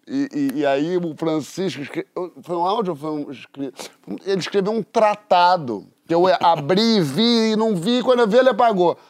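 A man co-hosting a talk show, telling anecdotes in a lively, casual way. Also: fairly high pitch, no echo, studio quality. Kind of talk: casual chat.

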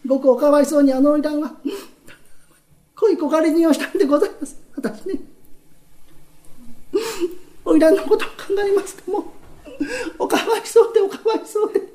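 A man's voice: very high-pitched, fast talker, pauses often, darkish tone. A man in a rakugo telling voicing a fawning young brothel attendant who talks in an overly polite, servile way. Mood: fibbing. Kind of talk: rakugo storytelling.

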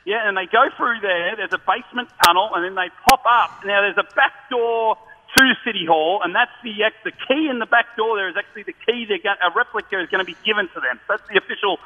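A man's voice: sits high, fast, big-room sound. A chatty, matey man giving live parade commentary as a roving radio reporter outdoors. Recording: noisy outdoor link, dull sound.

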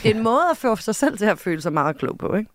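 A woman's voice: medium pitch, expressive, no room sound. A woman guest in a casual studio conversation, talking hesitantly with many fillers and dry self-mockery. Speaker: podcast guest, journalist. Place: radio studio.

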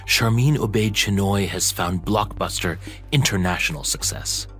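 A man's voice: lowish voice, moderate pace, a bit bright, soft background music. A man hosting an interview, asking admiring questions with frequent restarts. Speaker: interview host.

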